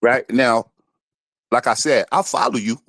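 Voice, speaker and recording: A man's voice: medium pitch, unhurried, a bit bright, no echo, studio quality. A man with a Brooklyn accent, a caller speaking in an informal, streetwise and insistent way in a casual debate. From Brooklyn, New York, USA. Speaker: caller to a talk show.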